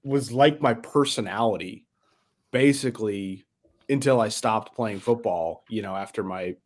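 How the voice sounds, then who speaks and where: A man's voice: on the low side, unhurried. A man co-hosting a podcast, chatting casually with a teasing, laugh-prone manner. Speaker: podcast co-host. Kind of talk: casual chat.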